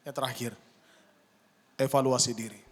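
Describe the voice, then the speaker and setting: A middle-aged man preaching a sermon, telling stories and acting out the dialogue with lively energy. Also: medium pitch, normal speed. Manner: animated storytelling, acting out dialogue. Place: church hall. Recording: long hall reverb.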